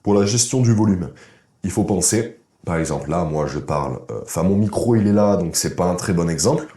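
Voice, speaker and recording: Guy doing a coaching vlog, real low dark voice, blunt and casual, echoey room. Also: lively intonation, fairly quick. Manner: blunt, informal, addresses viewer as "tu", checks in with "ok?". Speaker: masculinity and dating coach. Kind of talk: direct-to-camera coaching vlog. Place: indoor room.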